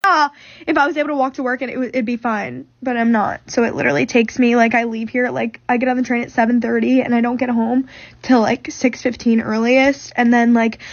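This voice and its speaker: High-voiced young woman venting, lo-fi. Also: steady tone, a little fast, dry recording. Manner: rambling, filler-heavy complaining. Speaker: recent graduate venting to camera. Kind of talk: casual venting vlog.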